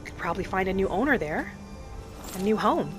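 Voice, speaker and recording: A woman gamer, the player of a solo fantasy roleplay video series, narrates her own game journey as a gentle young wood elf alchemist and forager. She is soft-spoken, unhurried and very animated in a natural voice, musing to herself at a medium pitch in a thoughtful mood. Music plays clearly behind her.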